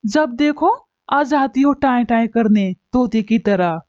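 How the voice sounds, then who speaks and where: A woman's voice: a little high, animated, a little slow, a little mellow, no room sound. A woman voicing a lazy, thieving male bird in a cartoon, grumbling and whiny. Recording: dull lo-fi recording.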